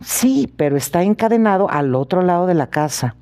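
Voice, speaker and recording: A proud old country squire answers in short, testy lines, as a male reader plays him. The voice is mellow and warm, a little raised in pitch, impatient under its courtesy in this audiobook. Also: expressive, normal speed. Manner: curt, testy replies. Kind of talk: audiobook reading.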